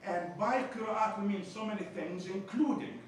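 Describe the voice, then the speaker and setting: Here the Palestinian chaplain's voice sits high, at an ordinary pace, with a thick Arabic accent as he lectures a university seminar and teases his audience with jokes. Captured in a lecture room, the sound echoes, the mic is distant, and background noise is present.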